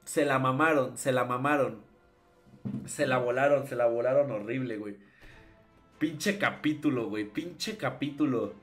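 Mexican guy streaming a manga reaction, all worked up, keeps swearing and repeating himself, mid-pitch voice, some quiet music behind. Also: a little slow. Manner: emotional, repeats exclamations and swears often. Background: faint background music.

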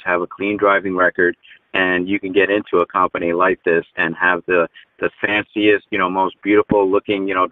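Joining a casual interview by video call, a truck driver in his forties talks earnestly with plenty of fillers in a deep voice. There's no room sound, and the audio comes through like a tinny phone line.

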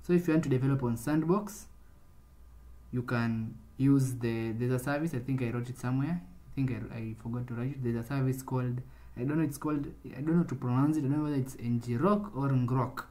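Male coding tutor, mellow warm voice, casual explainer who restarts sentences mid-thought. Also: medium pitch, steady tone, quick pace. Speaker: programming tutor. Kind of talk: screen-recorded coding tutorial.

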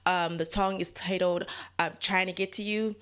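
A woman hosting a music reaction video, talking casually to viewers, chatty and quick to laugh, often turning to the audience for their opinion. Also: fairly low pitch, steady tone, a bit bright. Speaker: music reaction channel host.

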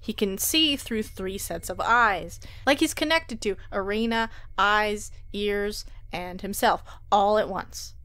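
A woman telling a tabletop game story as scripted narration, dramatic and expressive, on a close mic. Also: mid-range voice, slow, few pauses, no echo.

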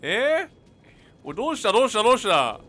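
A man's voice: very high-pitched, big pitch swings, fast talker. A man commentating on his own video game play in a jokey, chatty way, talking back at enemies. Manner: jokey, talks to enemies, yells in panic. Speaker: game streamer.

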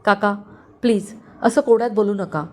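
A woman's voice: medium pitch, normal speed, lightly acted. A woman voicing a young heroine who speaks earnestly and emotionally, hurt but sincere.

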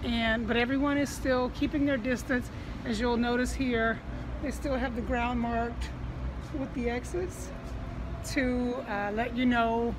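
Higher-voiced woman talking through a face mask. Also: fairly even intonation, measured pace, noisy background. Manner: speaking through a face mask, slightly muffled. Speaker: vlogger. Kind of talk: casual vlog chat. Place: outside shops and inside a fabric store. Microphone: phone at arm's length.

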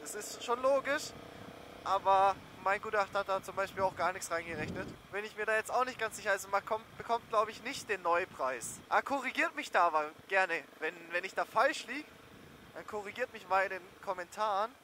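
Riding his motorbike outdoors, a young adult motorcycle vlogger chats in loose, slangy, meandering fashion. His voice is high, fairly quick, bright, and pushed, set against the roar of the engine, wind, and road.

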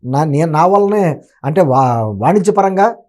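Speaking at a measured pace, this man's voice is on the high side, expressive and darkish in tone. As an interview guest he delivers opinionated political commentary, arguing emphatically and frequently throwing out rhetorical questions.

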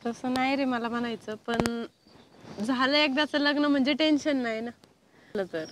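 A woman's voice: high-pitched, normal speed, slight background noise, close to an everyday voice. A woman playing a young woman in love who insists on marrying soon. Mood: eager. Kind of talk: comedy sketch acting.

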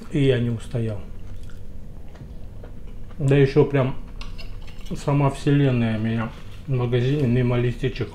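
A man's voice: mid-range voice, level tone, measured pace, long pauses, warm tone. A man hosting a mukbang, chatting in a homely, storytelling way while talking with his mouth full. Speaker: mukbang host. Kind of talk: casual chat while eating. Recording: echoey room with faint noise.

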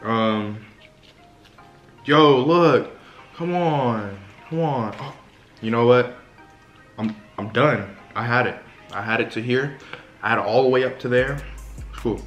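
A man's voice: mid-range voice, fairly even intonation, moderate pace, pauses often, fairly bright tone, reverberant, soft background music. A man in his twenties chatting casually in slang to viewers, rambling and talking while chewing food. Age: 20s. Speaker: vlogger eating on camera. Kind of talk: casual mukbang chat. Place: large living room indoors. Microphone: camera a short distance away.

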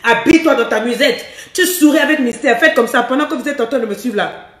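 A woman coaching women on love, with a hoarse voice, talking in a bold, teasing and playful way and laughing often as she speaks straight to her listeners. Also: high-pitched, fast, roomy sound, far from the mic. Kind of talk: frank advice monologue to women viewers.

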